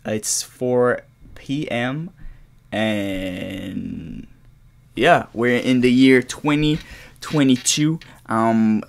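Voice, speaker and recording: A Quebec man in his early twenties, a native French speaker with a Québécois accent, hosts his own English podcast from his bedroom in a shared apartment. His medium-pitched voice is very slow with vocal fry as he rambles through an unscripted solo monologue, restarting and swearing.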